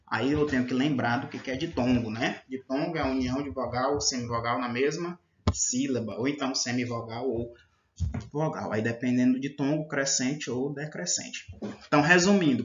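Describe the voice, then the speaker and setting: A man teaches a slide lecture at an easy, patient pace, often pausing to check his listeners follow. His mid-range voice bounces around an echoey room. The recording sounds dull and lo-fi. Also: mid-range voice, a bit bright.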